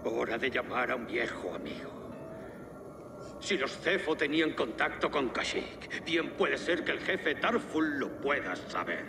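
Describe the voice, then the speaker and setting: A curious young adventurer from a video game with a gravelly, fry-tinged tone, talking slowly with a lively rise and fall. He sounds set back from the mic, with clear background noise. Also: mid-range voice. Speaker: game character. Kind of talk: dubbed video game dialogue. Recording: distant game audio under clear noise.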